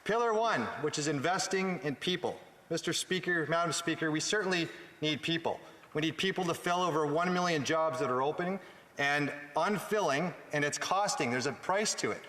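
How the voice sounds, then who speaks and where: A man's voice: on the high side, normal speed, a bit bright. A man with a Canadian English accent giving an earnest parliamentary speech as a member of parliament, stressing points in short phrases. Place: large indoor legislative chamber. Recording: echoey chamber with long reverb.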